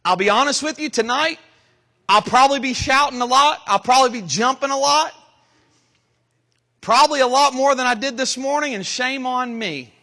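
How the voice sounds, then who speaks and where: A pastor in his thirties preaching a sermon, switching between loud shouts and quiet, low asides. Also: normal speed. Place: church sanctuary. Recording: long reverb of a church hall.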